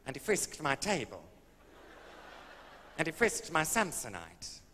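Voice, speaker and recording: A man, a cabaret comedian telling a comic story on stage with a dry, camp, deadpan delivery. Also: a little high, measured pace, slight background noise. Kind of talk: stand-up storytelling. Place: live stage venue. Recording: live hall recording from a video.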